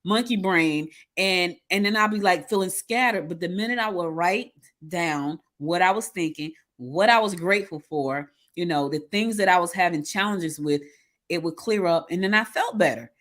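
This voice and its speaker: A woman hosting a casual interview, telling her own stories in an animated way with frequent restarts. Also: on the low side, moderate pace. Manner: animated storyteller, many restarts. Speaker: interview host.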